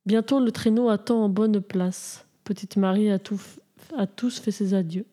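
A woman reading a Christmas storybook aloud in a measured, gentle way. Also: medium pitch, fairly even intonation.

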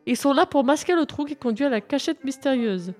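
A woman's voice: high voice, expressive, a little fast, faint music behind, pitched above the performer's own voice. Woman doing a bold, bossy little girl. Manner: bright, commanding, triumphant. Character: bold, clever young girl detective.

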